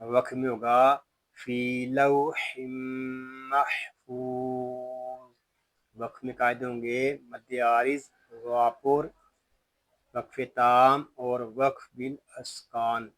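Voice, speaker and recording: A man teaching Quran recitation, spelling each word slowly letter by letter, explaining the tajweed rules, and then reciting the verses melodically. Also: mid-range voice, little pitch movement, fairly bright tone, low-quality recording.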